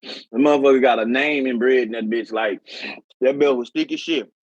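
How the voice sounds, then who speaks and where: A man in casual chat who talks loudly and boisterously and laughs a lot. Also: mid-range voice, moderate pace, dry recording, dull audio. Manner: loud, boisterous, laughs often. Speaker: co-host.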